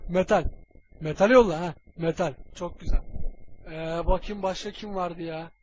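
A man's voice: high voice, lo-fi sound, close to an everyday voice. A man voicing a crude young superhero who mutters to himself and swears while ordering his computer around, in a comedic fan dub. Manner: mumbling to himself, casual swearing.

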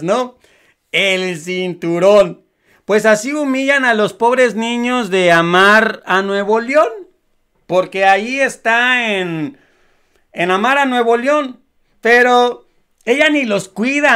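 A man's voice: high-pitched, sharp tone, clean tone. Scornful Mexican man mocking a clip. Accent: Mexican Spanish. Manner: sarcastic, scornful, laughs often. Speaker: news commentary host. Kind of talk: mocking commentary over a played clip.

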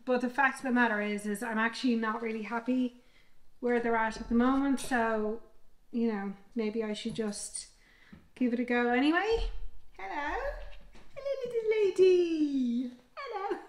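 Woman in her fifties, artist vlogger, fairly high voice, candid, reflective, meandering casual chat, home studio. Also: level tone, moderate pace. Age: 50s. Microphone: microphone she moves away from and back to.

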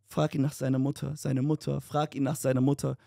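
A young man co-hosting a podcast, telling a story in casual chat, animated and mixing in English slang. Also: mid-range voice, fairly quick, creaky, no echo, studio quality. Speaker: podcast co-host.

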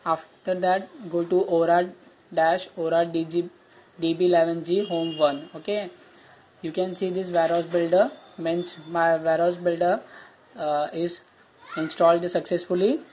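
A man giving a plain step-by-step software tutorial over a screen recording, with frequent fillers and restarts. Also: a little high, level tone, moderate pace, low-quality recording. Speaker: tutorial host.

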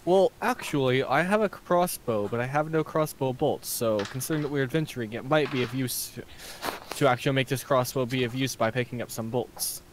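A man's voice: medium pitch, a little fast, slight background noise. A man joking and chatting as a player in an online tabletop game.

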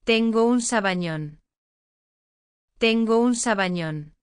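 Reading short phrases for a language lesson, a woman says each one twice, enunciating carefully at a very unhurried pace. Her voice is fairly high, smooth and crisp, captured dry on a close mic with no echo.

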